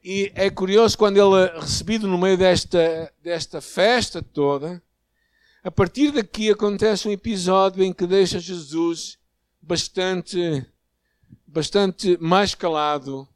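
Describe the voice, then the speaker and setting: A man with a European Portuguese accent delivers a sermon in a fairly high voice, earnest and measured. He pauses and hesitates, then rises in emphasis. The recording is close and dry. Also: no room sound. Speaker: preacher. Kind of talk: sermon with prayer and Bible reading.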